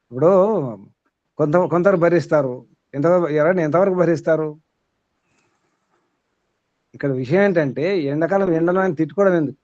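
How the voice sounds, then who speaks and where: A man's voice: a little high, normal speed, long pauses, a little mellow, no echo, dull audio. A man teaching a small group as their spiritual guide, asking rhetorical questions and repeating his points.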